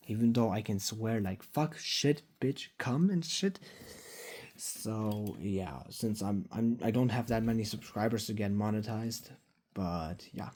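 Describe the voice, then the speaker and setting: A young man of twenty talks into a phone for a casual vlog update. His voice is mellow and dark-toned, and he rambles, swears freely and keeps restarting his sentences. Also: medium pitch. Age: 20s. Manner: rambling and profane, with lots of fillers and restarts. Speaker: YouTuber.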